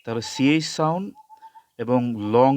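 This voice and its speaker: A man teaching English pronunciation, spelling out sounds slowly and repeating each word several times. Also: mid-range voice, darkish tone. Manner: mixes Bengali explanation with English words. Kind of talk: slow spoken lesson, spelling out sounds.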